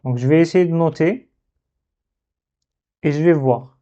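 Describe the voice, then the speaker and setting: A man teaching a lesson on Arabic letters, slowly thinking aloud as he works through a dictation exercise. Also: on the high side, warm tone. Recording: dull lo-fi sound.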